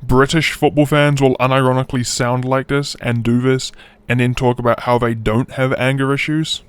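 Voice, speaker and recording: A man's voice: mid-range voice, flat delivery, normal speed, smooth, no room sound. A man ranting as a YouTuber in a crude comedic style, sarcastic and mock-earnest.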